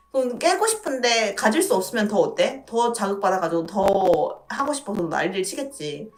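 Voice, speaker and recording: Lively, playful woman in a roomy echo. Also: medium pitch. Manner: playful, chatty, often laughing and acting out quoted lines. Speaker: dating advice streamer. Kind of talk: casual live-stream advice chat. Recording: roomy echo with faint music behind.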